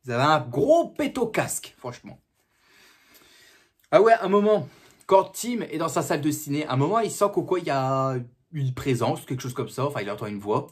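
A man's voice: a little high, sing-song, normal speed, breathy edge. A man giving a casual, slangy film review, repeating himself and breaking into sudden mock outbursts.

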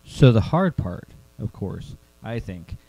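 A man's voice: lowish voice, big pitch swings, slow pace, vocal fry, mellow, breathy edge, no echo, poor audio. A man co-writing a serial story in casual chat, rambling and joking as he thinks aloud.

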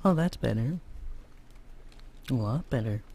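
Young american guy talking slow over his game, goofy, yells sometimes. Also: mid-range voice, lively intonation, gravelly, breathy edge. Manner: chatty, jokey, bursts into loud shouts. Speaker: gamer. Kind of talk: casual gameplay commentary.

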